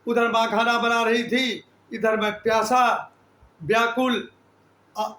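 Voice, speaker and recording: An older man slowly recounting his life story, pausing often and restarting his words. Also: very high voice, steady tone, sharp tone. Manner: slow, deliberate, with pauses and restarts. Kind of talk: spoken life-story narration. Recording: echoey room.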